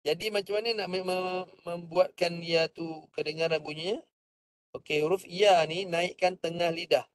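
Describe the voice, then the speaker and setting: A man teaching Quran recitation. He explains each point calmly and sings the verses in a drawn-out chant for students to copy. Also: high voice. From Malaysia. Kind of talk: slow patient recitation lesson. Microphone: online class microphone.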